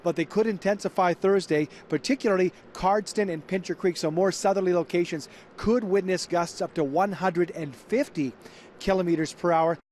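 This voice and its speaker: A man's voice: high voice, moderate pace, darkish tone, slight background noise. A man with a Canadian accent giving an ad-libbed weather forecast as a TV meteorologist.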